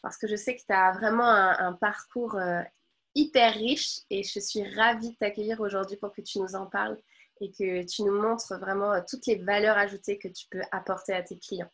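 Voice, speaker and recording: A woman's voice: medium pitch, steady tone, normal speed, a bit bright. A woman hosting an interview, effusive with frequent exclamations. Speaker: host.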